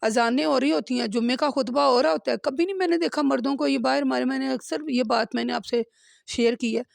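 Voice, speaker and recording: A woman's voice: high voice, fast, creaky, no room sound, studio quality. A woman giving a religious lesson in speech, explaining verses earnestly and checking in with listeners with a questioning "hmm?". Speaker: religious teacher. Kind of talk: Quran lesson with commentary.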